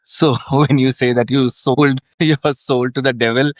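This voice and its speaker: A man's voice: medium pitch, steady tone, a little slow, dry recording, clean studio sound. A man hosting a podcast interview, introducing his guest with effusive, welcoming praise. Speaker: podcast host.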